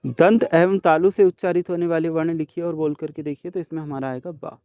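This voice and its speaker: A male teacher solving a worksheet for students, sounding out each letter slowly and speaking to the class directly. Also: fairly high pitch, fairly even intonation, a little mellow, clean tone, no echo. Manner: slow, deliberate sounding out of letters. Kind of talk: worksheet solution lesson.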